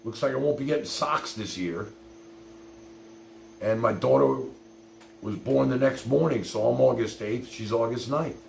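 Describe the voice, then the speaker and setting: Gravelly and a little mellow, a middle-aged man's medium-pitched voice moves unhurriedly with long pauses as he hosts a casual livestream. He rambles bluntly through personal stories for live viewers, sprinkling in swearing and "you know", and the recording has roomy echo plus faint hum and noise.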